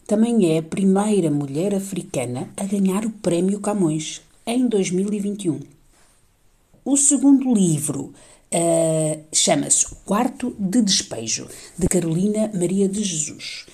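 A woman's voice: medium pitch, expressive, unhurried, mellow, husky. A woman radio presenter delivers a scripted literary review, recommending books to listeners.

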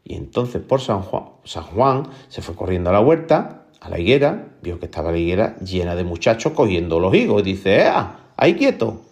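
Lively man telling a folk tale. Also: normal speed. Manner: lively, acts out the dialogue with raised pitch. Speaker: storyteller.

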